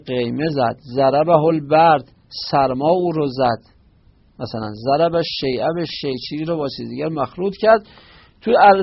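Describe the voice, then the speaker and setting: A man with a gravelly, husky voice teaches a religious lesson in a patient, explanatory way. He quotes short Arabic phrases and then glosses each one, often breaking off mid-word to correct himself. The recording sounds dull and lo-fi. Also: medium pitch. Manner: restarts and self-corrections.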